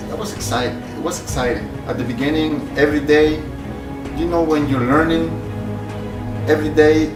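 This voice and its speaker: A man's voice: fairly high pitch, fairly even intonation, normal speed. A middle-aged man from El Salvador, a shop owner answering interview questions in a plain, hesitant way with many fillers. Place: clutch workshop. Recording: roomy sound from a distant mic, music behind.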